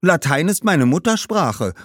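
A man's voice: on the high side, sing-song, a little slow, fairly bright tone, no room sound, studio quality, voice pushed up, exaggerated voice. A man voicing an earnest, bookish young schoolboy who talks eagerly and insistently in a storybook.

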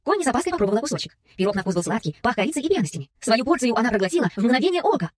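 Быстрая живая женщина-чтица. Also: female voice, fairly high pitch, no echo, studio quality. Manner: brisk, expressive reading that shifts voice for each character. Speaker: narrator. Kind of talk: audiobook narration.

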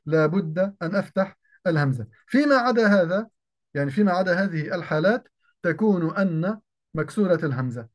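A man teaching an Arabic grammar lesson, asking questions and then answering them, slowing down to repeat example sentences, with everyday dialect words mixed into formal speech. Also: high-pitched. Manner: repeats key phrases slowly and asks the class questions.

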